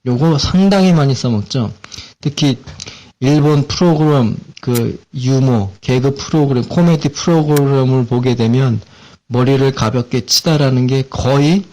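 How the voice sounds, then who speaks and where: A man with a Korean accent explaining English vocabulary in a relaxed, casual lesson, with many fillers and repeated words. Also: medium pitch.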